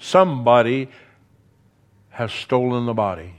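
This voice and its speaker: A man preaching a sermon, earnest, building emphasis through repetition and dropping softly on key words. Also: medium pitch, lively intonation, measured pace.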